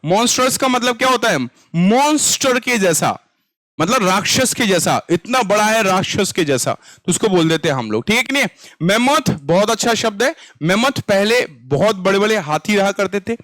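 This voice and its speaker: A man's voice: sits high, lively intonation, normal speed, fairly bright tone, no room sound. A man with an Indian accent teaching English vocabulary for exams, chatty and repeating questions to his students. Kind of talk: online exam-prep lesson.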